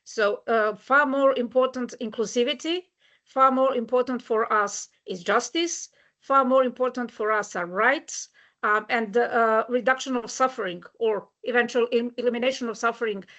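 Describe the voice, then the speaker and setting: A woman's voice: a little high, moderate pace, fairly bright tone. A woman from Serbia giving a webinar talk, earnest and personal, with many hesitations. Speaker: webinar speaker, rights of nature advocate. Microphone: video call.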